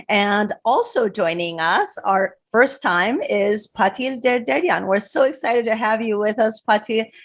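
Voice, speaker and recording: A woman co-hosts a podcast and introduces her guests in a friendly, informal way. Her voice sits at a middle pitch. She trips over a word now and then. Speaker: podcast co-host. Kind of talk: casual podcast interview.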